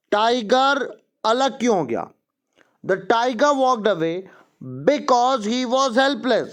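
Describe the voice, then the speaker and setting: A man with an Indian accent teaching a primary-school English lesson, switching between Hindi and English, drilling words slowly and explaining them quickly. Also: sits high. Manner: promotional asides to paying students. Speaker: English tutor.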